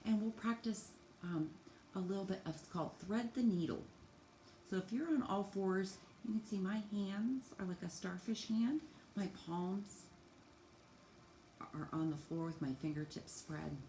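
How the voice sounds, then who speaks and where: In an echoey room with faint background noise, a woman with a medium-pitched, mellow voice calmly guides kids through yoga stretches. She shows each move while speaking, offering simple, step-by-step encouragement as their teacher.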